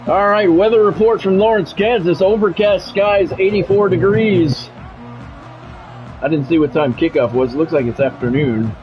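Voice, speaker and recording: Here the American streamer sits high in pitch and talks at a normal speed, with faint music in the background. He chats informally and does sports commentary with wry, self-deprecating humor, recorded on a dull lo-fi mic.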